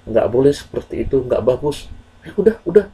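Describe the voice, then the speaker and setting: A man voicing an adult bystander firmly calming a grieving boy. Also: medium pitch, fairly quick, breathy edge, distant mic, pitched above the performer's own voice. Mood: consoling. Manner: soothing, firm.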